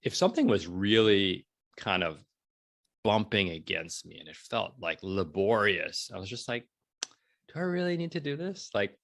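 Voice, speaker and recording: Fairly low-pitched and gravelly, this forty-something guest speaks at normal speed. He's an entrepreneur and blogger chatting informally in an interview, animating his stories by performing quoted dialogue and tossing in "right?" regularly.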